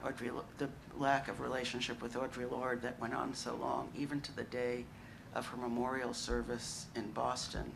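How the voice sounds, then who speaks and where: A woman speaking as a panelist at a museum discussion, emphatic with drawn-out phrasing. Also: very deep voice, level tone, creaky, noisy background. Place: museum event room.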